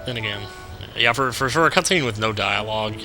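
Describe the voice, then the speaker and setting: A gaming video host, an American man with a low voice, gives brisk, casual let's-play commentary. Video game music plays behind his voice.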